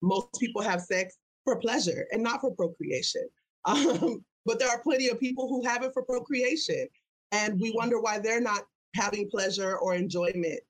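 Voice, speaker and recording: A woman's voice: fairly high pitch, normal speed, low-quality recording. Candid woman as interview guest. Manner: candid, chuckles between phrases. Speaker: interview guest, public health educator. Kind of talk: conversational interview answers.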